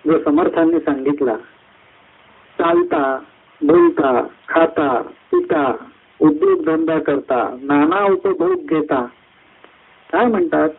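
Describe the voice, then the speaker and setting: A man giving a devotional discourse at a satsang, climbing high through lists of words and slowing down on key phrases. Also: wildly swooping pitch, gravelly, slightly rough. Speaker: satsang speaker. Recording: tinny phone-like line.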